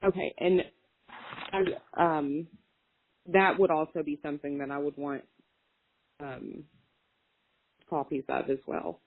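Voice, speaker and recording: A woman speaks cautiously on a phone call, hesitating and softening her words. Her voice is gravelly and a bit husky. The line sounds narrow and tinny. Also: deep voice, slow pace, long pauses. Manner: cautious, soft-spoken, many hesitations.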